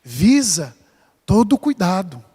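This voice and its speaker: A man's voice: high voice, sing-song, slow, dark tone, breathy edge. A man from São Paulo state preaching a sermon as a pastor, earnest and emphatic, mixing scripture with a light-hearted personal story. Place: church sanctuary. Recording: long reverb of a large church hall.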